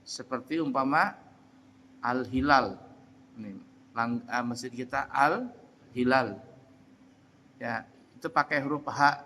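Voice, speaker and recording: A man teaching a class on prayer recitation, speaking slowly and repeating example phrases, checking whether his students understand. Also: fairly high pitch, creaky, sharp tone, long reverb tail, a little hiss or hum. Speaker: religious teacher. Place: large echoing hall at an Islamic boarding school.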